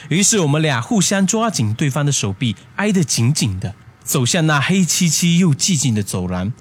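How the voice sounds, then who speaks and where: Husky-voiced man telling a horror story. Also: a little high, sing-song, moderate pace. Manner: hushed, suspenseful telling. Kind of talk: first-person horror story narration.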